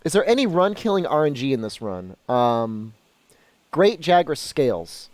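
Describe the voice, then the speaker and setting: A man with a slightly high, sing-song voice and a darkish tone speaks at a normal pace on a dry recording. He's a live game streamer from Mexico or of Mexican descent, chatting casually and answering his chat's questions in a relaxed way.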